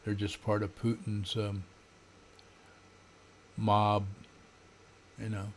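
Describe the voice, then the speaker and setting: Into a desk condenser microphone in a small room at home, an older American man of about seventy grumbles an unscripted political rant to camera for his vlog. His lowish voice is monotone, with slight background noise. Sardonic and disdainful, he speaks haltingly, with frequent throat clearing.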